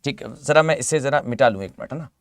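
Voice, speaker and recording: A man's voice: medium pitch, expressive, fast, slight background noise. A male geography teacher giving a live exam-prep lecture in a conversational, repetitive way with many fillers. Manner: conversational, repeats himself, lots of fillers.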